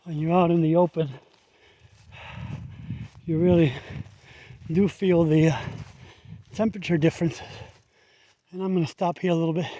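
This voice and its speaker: A man's voice: a little high, little pitch movement, moderate pace, pauses often, dark tone, no echo, muffled recording. Breathless man hiking a trail. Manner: chatty, rambling with restarts. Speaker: hiking vlogger. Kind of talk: casual narration while hiking. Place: outdoors on a field trail.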